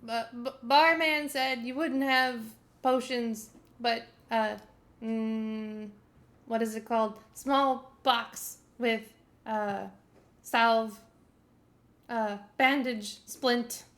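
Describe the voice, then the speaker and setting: Woman playing a halting young adventurer girl, high and soft, hunting for words. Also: steady tone. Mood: unsure. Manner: hesitant, searching for words.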